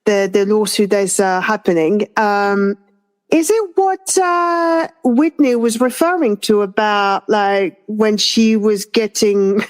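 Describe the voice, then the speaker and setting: A woman's voice: medium pitch, fairly even intonation, slow. A woman from France in her thirties, co-hosting a casual chat, speaking hesitantly with many fillers and restarts. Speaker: podcast co-host.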